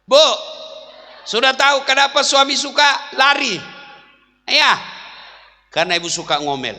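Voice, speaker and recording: A man's voice: extremely high pitch, expressive, a little slow, sharp tone, long reverb tail. A man preaching a humorous sermon, telling jokes and acting out the lines of the people in them. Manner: joking storyteller, acts out quoted lines. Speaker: Islamic preacher.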